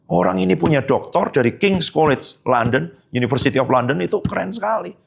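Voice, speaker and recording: A male pastor giving a sermon in an animated, conversational way, with many tag phrases. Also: on the high side, fairly quick, creaky, slightly rough.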